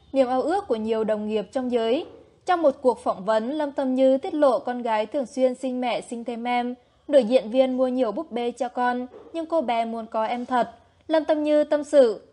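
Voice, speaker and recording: A woman with a somewhat high voice narrates entertainment gossip news. Her delivery is steady and even, read from a script.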